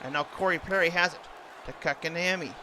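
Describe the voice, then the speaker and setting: A man's voice: fairly high pitch, brisk, a crowd in the background. A man doing play-by-play hockey commentary for a video game, imitating a TV sports announcer's delivery. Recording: noisy, game sound throughout.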